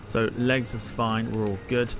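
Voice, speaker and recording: A man's voice: mid-range voice, little pitch movement, measured pace, over music. A man giving casual live-stream commentary as a flight simulator pilot, informally thinking aloud as he works through tasks.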